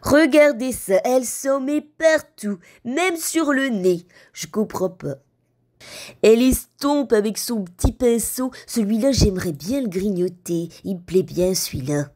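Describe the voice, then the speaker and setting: Woman voicing a slow, sarcastic pet bulldog. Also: on the high side, animated, a little mellow. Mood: mocking. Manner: slow, sarcastic, teasing commentary. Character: cheeky male bulldog mocking his aunt. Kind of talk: comic voice-over narration.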